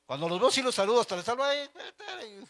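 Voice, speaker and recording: Mexican guy teaching a church bible class, high bright voice, chatty, keeps saying brothers. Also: expressive, racing. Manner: chatty and anecdotal, addresses listeners as brothers, acts out everyday voices.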